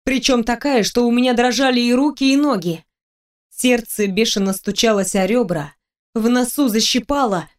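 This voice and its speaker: A woman's voice: fairly high pitch, normal speed. Woman narrating a fantasy audiobook. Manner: expressive storytelling, with the heroine's lines read in her own voice.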